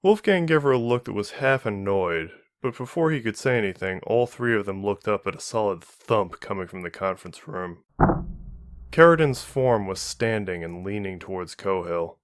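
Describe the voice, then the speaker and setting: A man reads a fan-fiction story aloud with a steady, measured delivery. His voice sits low, and the recording is dry and close. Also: dry recording. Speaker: audiobook reader. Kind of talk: scripted narration of fan fiction.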